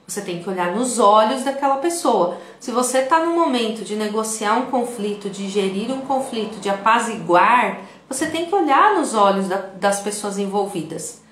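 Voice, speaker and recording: A woman's voice: mid-range voice, lively intonation, moderate pace, few pauses, fairly bright tone, slight background noise. A woman with a Brazilian Portuguese accent giving an online video lesson in a conversational way, often checking in with the viewer. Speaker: instructor. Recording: echoey room.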